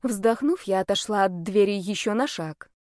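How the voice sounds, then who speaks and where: Woman, audiobook narration, wry lively reading, mid pitch, dry close sound. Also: normal speed, dry recording. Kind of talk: first-person audiobook narration.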